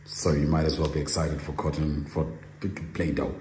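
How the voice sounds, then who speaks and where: Very deep-voiced South African pastor, teasing. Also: male voice, level tone, a little fast, a little mellow, echoey room. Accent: South African English. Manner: playful teasing, bursts into laughter. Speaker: pastor and family vlogger. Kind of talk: casual family vlog chat. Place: inside a car while driving. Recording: noisy car cabin.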